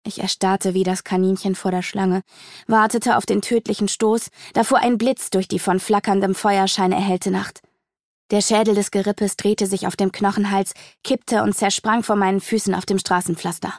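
A woman reads a dark fantasy audiobook in a measured, storytelling manner, easing off the pace when the tension builds. Her mid-range voice carries a gravelly fry. The recording is dry and close, with no room sound. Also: mid-range voice, steady tone, no room sound. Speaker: audiobook narrator. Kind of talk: dramatic fantasy audiobook reading.

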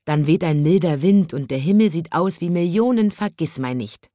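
A woman reading a children's story aloud in a gentle, measured telling. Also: fairly low pitch, expressive, no echo, clean studio sound.

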